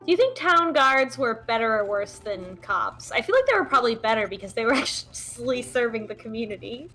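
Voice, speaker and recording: A woman's voice: fairly high pitch, animated, fairly quick, over music, poor audio. A young woman giving casual, playful live commentary as she streams a game. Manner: playful, joking.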